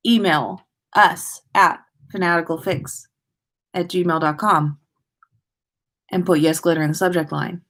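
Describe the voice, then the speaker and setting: This livestream host has a lowish, slightly bright voice with fairly even intonation. She talks a little slowly and pauses often, mixing casual chat with expressive readings of listener stories.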